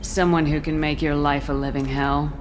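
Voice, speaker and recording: A woman's voice: sits low, flat delivery, normal speed, a little hiss or hum, close to an everyday voice. A woman playing a tough, curt female military commander in a video game, firm and focused. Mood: threatening. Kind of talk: video game dialogue acting. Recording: game music behind the voice.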